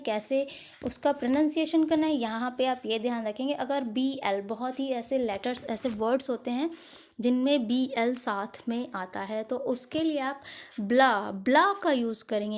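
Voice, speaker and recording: A woman teaching English pronunciation, explaining patiently and drawing out each example word. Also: high voice. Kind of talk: pronunciation lesson.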